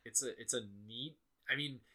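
A man's voice: mid-range voice, steady tone, normal speed, sharp tone. A young adult man chatting casually as a podcast co-host, reflective and often restarting his sentences. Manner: reflective, self-correcting, frequent restarts. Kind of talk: casual chat about video games.

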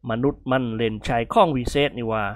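A man reading a story aloud and voicing a dazed, rough-mouthed male bull who groans and curses. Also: mid-range voice, expressive, fast, no room sound, studio quality, natural voice. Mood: groggy. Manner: coarse, groaning.

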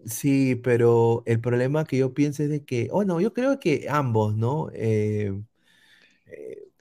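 A man's voice: medium pitch, lively intonation, slow, warm tone. A man with a Peruvian Spanish accent, co-hosting a casual stream, reading chat and rambling with many restarts.

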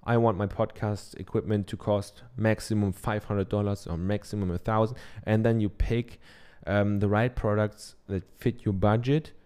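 A man from Germany, a podcaster, talks into a dynamic studio microphone in his treated home office, giving a loose, casual how-to. His lowish voice is steady, smooth, and a little mellow, at a moderate pace with few pauses, and he uses plenty of ums and tag questions. He has a German accent.

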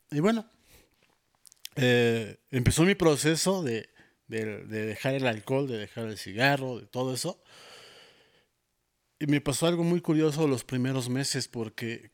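A man with a Mexican Spanish accent, a guest in a casual interview, telling his testimony with many fillers and quoted dialogue. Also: medium pitch. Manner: storytelling, quotes himself and others, many fillers. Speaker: interview guest, worship musician.

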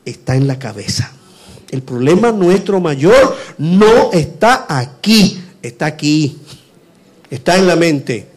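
A man preaching a sermon, asking rhetorical questions and swinging between loud emphasis and hushed lines. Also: a little high, sing-song, takes it slowly, breathy edge.

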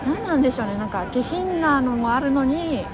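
A woman's voice: high-pitched, animated, brisk, lo-fi sound, a crowd in the background. A woman co-hosting a podcast in casual chat, talking keenly with many fillers, recorded outdoors on a city street at night. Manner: chatty, enthusiastic, many fillers. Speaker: podcast co-host. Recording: outdoor street noise, passing traffic.

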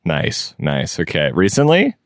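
Man, low voice, casual chat, podcast co-host, backyard outdoors, dry sound. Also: wildly swooping pitch, unhurried, no room sound.

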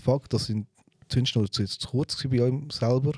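A Swiss German man co-hosting a podcast reasons earnestly, arguing a point in casual chat. His pitch is mid-range. The recording is dry and close. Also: a little fast, a little mellow, husky, dry recording. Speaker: podcast co-host.

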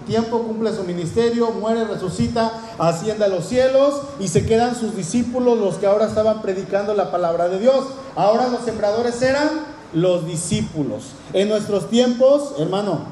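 A man's voice: high-pitched, darkish tone, slight background noise. A man preaching a sermon, earnest and full of rhetorical questions to the congregation. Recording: roomy echoing hall.

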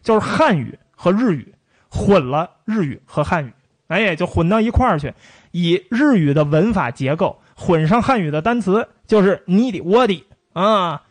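Guy explaining history like he's chatting, high lively voice, dry close sound. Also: normal speed, no echo. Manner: lively storytelling with playful mock pronunciations. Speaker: history lecturer. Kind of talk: casual spoken history lecture.

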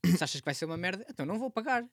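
A young man with a European Portuguese accent talks in a high voice at a quick pace. He chats casually in slang, mimicking other people and dropping in bits of English. The recording is dry. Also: lively intonation, creaky, dry recording. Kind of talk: casual chat.

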